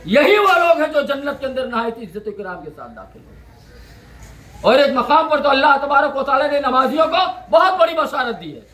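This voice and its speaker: Guy giving friday sermon, quite high voice, echoey mosque hall. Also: a bit bright. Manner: rhythmic, repeats phrases, quotes Arabic verses. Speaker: preacher.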